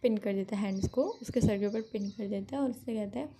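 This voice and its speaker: A woman's voice: mid-range voice, a little fast. Give me a chatty woman narrating a story, self-correcting, with faint background noise. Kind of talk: casual retelling of a fan fiction.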